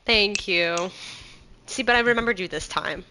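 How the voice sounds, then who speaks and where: A woman's voice: medium pitch, normal speed, background noise. A woman playing a tabletop game, chatty and laughing often. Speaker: player.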